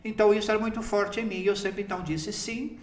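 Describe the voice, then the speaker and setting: A man's voice: sits high, steady tone, fast talker, reverberant. A man in his fifties, a priest, telling a personal story in a chatty interview manner. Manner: chatty storytelling, often breaking into laughter. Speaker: priest named bishop.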